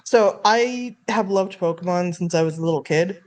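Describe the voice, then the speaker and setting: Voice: mid-range voice, moderate pace. A person chatting casually and eagerly on a stream about favorite games, rambling with lots of "like". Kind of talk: casual gaming chat.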